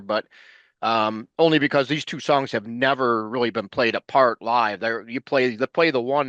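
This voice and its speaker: A man's voice: mid-range voice, fairly bright tone, clear, resonant tone, no room sound, lo-fi sound. A man talking casually as a guest, rambling and repeating words as he restarts his sentences. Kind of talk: casual chat.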